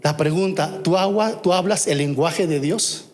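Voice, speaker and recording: A man with a Mexican Spanish accent preaching a sermon as pastor, emphatic and full of rhetorical questions, swinging from soft and low to loud and high. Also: measured pace, slight background noise. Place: church hall. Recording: long hall reverb.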